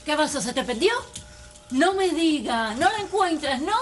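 A woman's voice: sits high, animated, moderate pace, slight background noise. A woman playing a sensible woman who questions and reasons in a TV comedy sketch. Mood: questioning. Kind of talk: TV sitcom acting.

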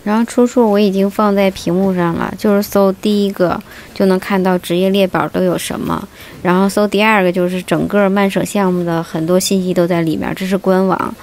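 A woman vlogger answering viewer questions in a steady, informative voice-over, linking her points with many small fillers. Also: mid-range voice, brisk, a little hiss or hum. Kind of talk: casual explanatory voice-over.

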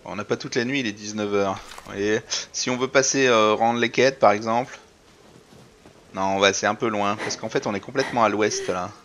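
A man's voice: on the low side, fairly even intonation, moderate pace, a bit bright, a little hiss or hum. A man casually commenting while playing a survival game, muttering and talking to viewers. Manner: chatty, mutters to himself, addresses viewers. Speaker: let's play host.

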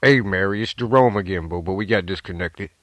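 A man's voice: low voice, brisk, fairly bright tone, no echo. A man playing a brash, foul-mouthed prank caller. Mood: belligerent. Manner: belligerent, swearing, demanding apologies.

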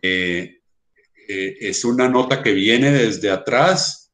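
A Colombian man lecturing on music theory in a patient, explanatory way. He talks things through step by step, pausing often on fillers as he works out his points. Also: lowish voice, a bit bright. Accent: Colombian Spanish. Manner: explanatory, sings rhythms in syllables, many fillers. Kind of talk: online lecture.

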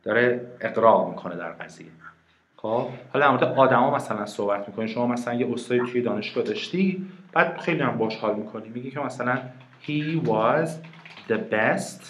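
A man's voice: mid-range voice, animated, a bit bright, a little hiss or hum. A man teaching an online reading lesson, patiently explaining grammar and asking his students questions. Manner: patient, asks questions and answers them himself. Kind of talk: online private lesson, explaining in Persian with English examples. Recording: echoey room.

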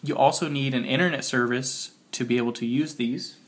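Slightly muffled because he's sick with a cold, a man hosting a tutorial explains a phone process step by step in a casual way. He talks while working on the phone and spells things out slowly, in a mid-range voice with a steady tone.

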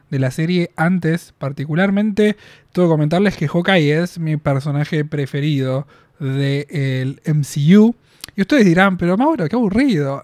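A man in his twenties with an Argentine Spanish accent hosts a reaction video, giving a casual spoken review in a small room in front of packed collectible shelves. He wears headphones and talks into a studio mic on a boom arm; his voice is a little mellow with no room sound, and he's chatty, quick to laugh, and stretches out his fillers.

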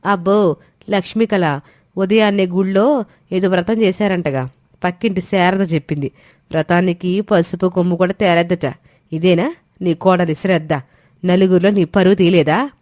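A woman's voice: on the low side, fairly even intonation, normal speed, a little mellow, dry recording, studio quality, close to an everyday voice. A woman voicing a proud, wealthy middle-aged woman who taunts and mocks sarcastically. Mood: taunting. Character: proud rich middle-aged woman, the sharp-tongued younger sister.

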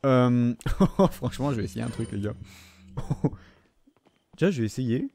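Joking, swearing young French gamer. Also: male voice, medium pitch, animated, a little slow, vocal fry, mellow. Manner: joking, swearing, talks to the viewers and the game. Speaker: gaming commentator. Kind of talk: let's play commentary.

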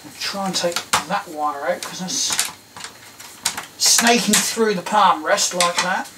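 A middle-aged man from England, with an English accent and a high voice, takes his time as he mutters and questions himself while working on old electronics for a video. The distant camera mic in his small tiled workshop also catches noisy workbench clatter and tool clicks.

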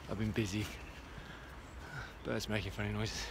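In this casual walk-and-talk vlog, a man in his forties strolls his allotment at dusk, talking to a phone camera at arm's length and muttering to himself while checking on things. His voice is lowish, with background noise audible.

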